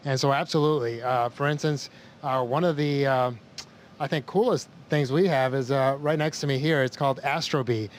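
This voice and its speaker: A man's voice: medium pitch, fairly even intonation, moderate pace. An American man speaking as an astronaut in a formal space-to-ground communication style. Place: inside a space station. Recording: faint noise on space-to-ground link.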